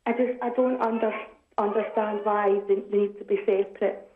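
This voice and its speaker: Calling a radio phone-in, a woman from Scotland chats hesitantly and conversationally in a mid-range voice with fairly even intonation at normal speed. It comes through a tinny, echoey phone line with slight background noise.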